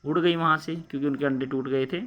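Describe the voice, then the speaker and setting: A man's voice: on the high side, fairly even intonation, fast, highs cut off. A man teaching schoolchildren, reading a story line by line and explaining each part again in simple words. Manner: reads a line, then re-explains it in simple words with many fillers. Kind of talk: explaining a story lesson to children.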